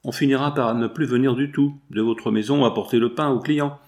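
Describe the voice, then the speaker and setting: A man's voice: mid-range voice, steady tone, brisk, darkish tone, lightly acted. A man voicing a grumbling middle-aged concierge in an audiobook, in a voice close to his own.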